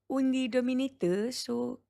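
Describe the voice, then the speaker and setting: A woman's voice: high voice, fairly even intonation, a little slow, vocal fry, warm tone, no echo, studio quality. A woman with a Malaysian accent chatting casually and informally on a livestream. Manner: informal, chatty, uses local particles. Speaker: live game streamer. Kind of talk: casual livestream chat, mixing Malay and English. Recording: music behind the voice. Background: music.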